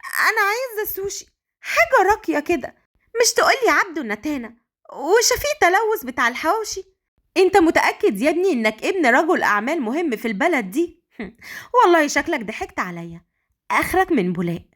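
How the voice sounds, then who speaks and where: A spirited, cheeky young wife in a storybook romance, voiced by a woman reader. Her voice sits high and leaps about in lively, bantering lines. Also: fast talker. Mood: playful.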